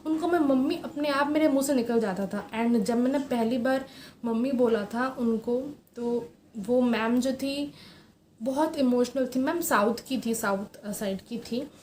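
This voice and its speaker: Soft-spoken young woman in an echoey room. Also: a little high, a little slow. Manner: soft, hesitant storytelling with many fillers. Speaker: vlogger. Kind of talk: personal confessional vlog. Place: room at home. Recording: roomy echo, faint background hiss.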